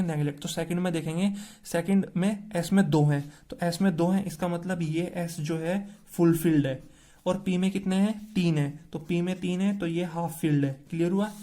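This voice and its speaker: A man's voice: on the high side, warm tone. A man teaching a chemistry lesson, asking questions and answering them himself.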